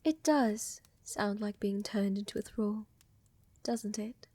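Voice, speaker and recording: In an intimate ASMR roleplay, a woman plays a flirtatious, gently dominant vampire countess, breathy and often whispering, using teasing, coaxing, formal wording. Her medium-pitched voice moves slowly with no room sound. The mood here is concerned and serious.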